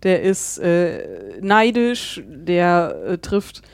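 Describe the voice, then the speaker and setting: A woman's voice: lowish voice, huge pitch swings, extremely slow, creaky, no echo. Playful woman hosting a dry-sounding podcast. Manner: playful, laughs easily, steers the topic. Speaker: podcast host. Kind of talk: casual podcast chat.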